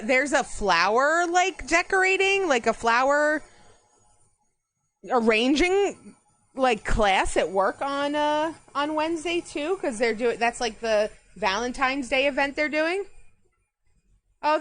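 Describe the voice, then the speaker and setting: Woman, New Yorker with a Long Island accent, high voice, chatty livestream baker, rambling and friendly with chat. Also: animated, slow pace, fairly bright tone. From New York. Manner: chatty, greets viewers by name, rambling asides. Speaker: livestreamer baking on stream. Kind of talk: casual chat while baking.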